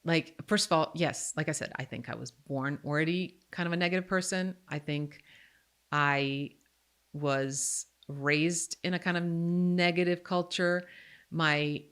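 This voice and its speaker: Her voice is deep, clear and resonant, fairly bright in tone, with fairly even intonation and an unhurried pace. She's a podcast host from Croatia in her forties, keeping the casual chat frank and full of jokes at her own expense.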